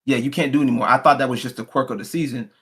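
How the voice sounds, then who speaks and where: A man's voice: medium pitch, steady tone, very fast, a bit bright, slightly rough. A man from Texas with an American accent, chatting casually in a hesitant, repetitive way. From Texas, United States. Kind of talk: casual chat.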